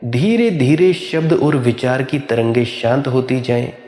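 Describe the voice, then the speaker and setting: Slow, contemplative male spiritual teacher. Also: medium pitch, warm tone. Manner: slow, measured, contemplative delivery with repeated refrains. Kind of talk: spiritual discourse. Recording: echoey hall with faint music.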